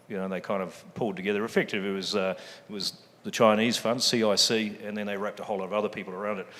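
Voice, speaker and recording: On a panel in a large event hall, a man with a New Zealand accent, the chief executive of a fund, talks in a fairly bright voice on the low side. His public forum remarks are humorous and self-deprecating, sprinkled with ums, and carry long hall reverb.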